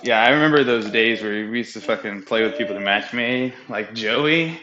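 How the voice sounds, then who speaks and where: A young man hosting a casual podcast chat at home, loose, profane and quick to laugh. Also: mid-range voice, sharp tone, dull audio. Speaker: podcast host. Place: home room.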